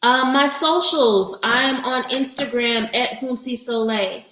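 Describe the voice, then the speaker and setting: A woman's voice: on the high side, slow pace, bright, forceful tone, reverberant, rough recording. A woman doing a livestream tarot reading for her audience, talking in a casual, heartfelt way that gets emotional and close to tears. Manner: emotional, holding back tears. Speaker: tarot reader.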